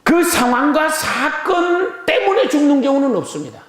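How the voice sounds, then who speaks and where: High-voiced preaching pastor in echoey church. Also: male voice, huge pitch swings, normal speed, a bit bright. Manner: emphatic preaching with rhetorical questions; repeats phrases for emphasis. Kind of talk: Sunday sermon. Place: church sanctuary.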